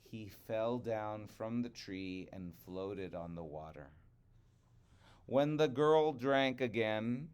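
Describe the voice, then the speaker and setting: Slow, clear-voiced man reading a storybook. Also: on the low side. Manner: deliberate, expressive, with dramatic emphasis. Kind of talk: picture-book read-aloud.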